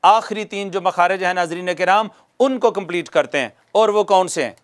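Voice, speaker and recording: A man giving a televised lesson on recitation, patiently repeating points, asking the viewer questions, and slowing down to demonstrate each sound. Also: high voice. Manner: slows down to demonstrate letter sounds. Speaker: Quran recitation teacher.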